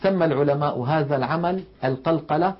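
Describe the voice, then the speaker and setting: Male recitation teacher, husky, slightly high voice, patient explainer, dull lo-fi broadcast audio. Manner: slow explanatory, demonstrating letter sounds. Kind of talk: televised tajweed lesson.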